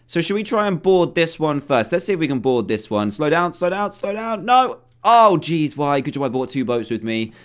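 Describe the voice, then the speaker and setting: A young man giving animated, excitable commentary while playing a video game. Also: fairly high pitch, moderate pace, hardly any pauses. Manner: excitable, animated, jumpy exclamations. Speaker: gaming video host.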